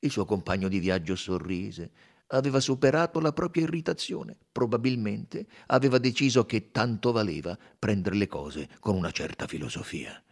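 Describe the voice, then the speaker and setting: A man's voice: lowish voice, expressive, moderate pace. A man narrating an audiobook in a theatrical, varied reading style. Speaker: audiobook reader.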